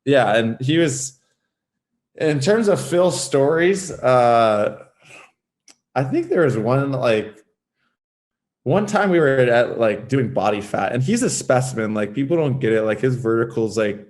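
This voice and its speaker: Man, 30s, from Southern California, podcast guest, casual rambling, many fillers, mid-pitched. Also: expressive, measured pace, darkish tone. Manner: rambling, fills speech with "like", restarts often. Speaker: guest, former pro hockey player.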